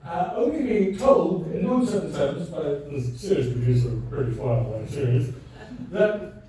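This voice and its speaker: A man's voice: a little high, expressive, moderate pace, mellow, a little hiss or hum. Jokey rambling older man on a stage. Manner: jokey, rambling, self-mocking. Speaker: musician hosting his gig. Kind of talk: chatty between-song banter. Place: live music venue. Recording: echoey venue from far off, music behind.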